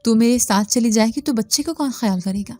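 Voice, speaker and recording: Woman reading as a fussy worried husband, blunt and urgent, warm mellow tone, dry close sound. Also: a little high, dry recording, faint music behind, lightly acted. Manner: scolding, urgent questions.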